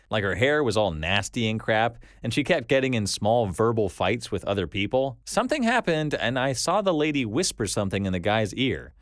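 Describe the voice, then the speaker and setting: A man reads collected stories aloud for his channel in a scripted narration style. His pitch swings widely as he tells them, keeping the delivery animated. The sound is dry and close, with no room around it. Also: dry recording. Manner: animated storytelling read-aloud.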